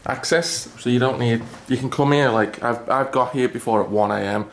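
A travel vlogger with a mid-range voice talks at a moderate pace into his handheld camera mic, which picks up a little hiss or hum. He rambles casually and pokes fun at himself while walking through his apartment and stairwell out to his car in an icy outdoor car park.

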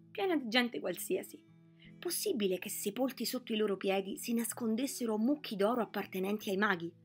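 A woman reading a novel aloud as scripted narration at a steady, even storytelling pace. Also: medium pitch. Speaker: audiobook reader. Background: soft background music.

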